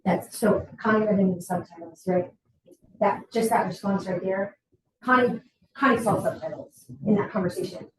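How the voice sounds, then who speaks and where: A woman presenting a faculty training talk, lively and acting out what students say, recorded in a college meeting room. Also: medium pitch, moderate pace, a little hiss or hum. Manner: lively, acts out student quotes. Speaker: workshop presenter. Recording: roomy hall, far from mic.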